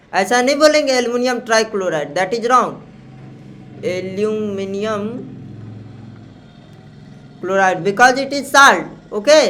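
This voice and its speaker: Male chemistry teacher, slow and repetitive. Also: high-pitched, fairly bright tone. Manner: repeats key terms slowly, checks understanding with questions. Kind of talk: classroom lecture on naming salts.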